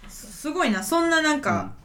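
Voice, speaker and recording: A woman with a Kansai accent, half of a comedy duo, co-hosting a casual radio show with quick, teasing back-and-forth. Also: high voice, wildly swooping pitch, sharp tone. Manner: quick reactive banter and teasing questions.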